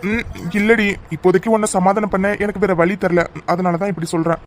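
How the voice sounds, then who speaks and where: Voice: medium pitch, steady tone, quick pace, a little hiss or hum, lightly acted. A performer voicing a teasing, protective young man. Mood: teasing reassuring. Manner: playful, reassuring, affectionate teasing. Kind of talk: animated cartoon story dialogue.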